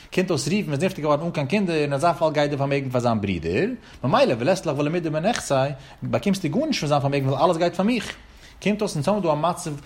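A male Talmud teacher moves quickly through a legal text, presenting one case after another. His medium-pitched voice is husky and a little breathy, and he lectures in a sing-song cadence that rises and falls with each point.

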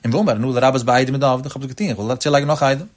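A man teaching a religious-law lesson in a mid-pitched voice. His delivery lilts and sings, jumping up suddenly before settling back down. He talks straight to his listeners, calling them friends as he explains. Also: racing. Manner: addresses listeners directly as friends.

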